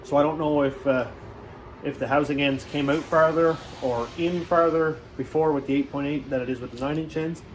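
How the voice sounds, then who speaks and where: A man's voice: fairly high pitch, moderate pace. Rambling man in the wind. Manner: relaxed, rambling with fillers. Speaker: car builder vlogger. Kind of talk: casual shop vlog. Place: outdoors in wind and in a garage shop. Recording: noisy outdoor wind and traffic.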